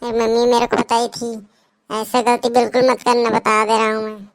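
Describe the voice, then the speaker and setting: A woman's voice: a little high, monotone, brisk, creaky. A woman voicing frightened, squabbling kids in a cartoon. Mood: coaxing. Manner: panicky, squabbling. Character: jittery cartoon kids on a night camp. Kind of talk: cartoon dubbing.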